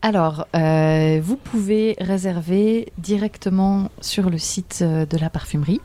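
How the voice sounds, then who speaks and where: A woman's voice: lowish voice, measured pace, warm tone, no echo. A woman, a theatre director talking in a casual radio interview, hesitant and full of fillers. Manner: hesitant, many fillers, laughs often.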